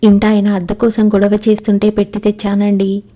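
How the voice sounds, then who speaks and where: A gentle young wife from a storybook, voiced by a woman reader. She speaks with soft affection and a light teasing edge. The voice is mellow and keeps an even, level pitch. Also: fairly quick, lightly acted. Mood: tender. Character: Radha, devoted young wife, gentle and homely.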